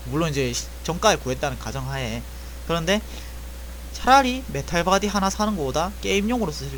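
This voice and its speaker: A young man, an airsoft gun technician, walks through a repair job in a casual spoken tutorial, thinking aloud and correcting himself along the way. His voice sits fairly high, and the low-quality recording carries slight background noise.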